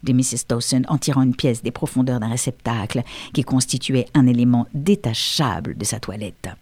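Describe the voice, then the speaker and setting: A woman reading a story aloud as narrator, in a measured, wry storytelling manner. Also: extremely low pitch, darkish tone, slightly rough, dry recording. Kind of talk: scripted audiobook narration.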